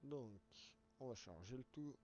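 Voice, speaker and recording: A man with a hoarse voice, casually talking viewers through a game on a live stream, rambling and restarting words as he explains each step. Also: mid-range voice, expressive, measured pace, warm tone, slight background noise. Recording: dull lo-fi stream audio.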